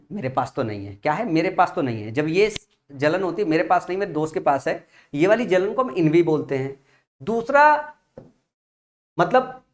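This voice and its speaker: A young man teaching a vocabulary lesson, explaining patiently and asking his students rhetorical questions while writing on a board. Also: a little high. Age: young adult father. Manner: often checks in with "theek hai na". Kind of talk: classroom-style vocabulary lesson.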